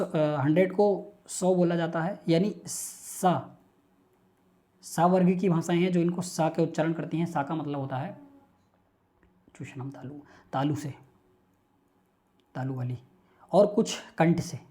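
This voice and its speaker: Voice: medium pitch, mellow. A teacher giving an online class lecture, patiently repeating lists aloud in rhythmic drills and coaxing students to memorize them.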